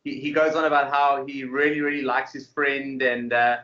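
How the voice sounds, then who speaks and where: A man chats as a podcast guest in a bright, mid-range voice. He is easygoing, with hesitant phrasing. The recording is a bit dull and lo-fi. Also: mid-range voice, level tone, moderate pace. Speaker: podcast guest, game developer. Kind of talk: casual interview chat. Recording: dull, lo-fi online call.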